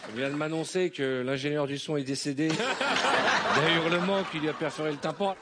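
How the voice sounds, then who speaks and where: A man's voice: fairly high pitch, heavy background noise. A man hosting a comedy game show on a TV studio stage. He teases the players and laughs between his lines. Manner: teasing, quick asides, laughing. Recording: loud studio music underneath.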